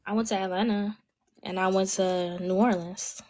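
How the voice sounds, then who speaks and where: A woman's voice: medium pitch, steady tone, darkish tone. A young woman, chatting playfully and teasing her co-host on a livestream. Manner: playful, teasing, quick to laugh. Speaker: TikTok live co-host. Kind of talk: casual chat.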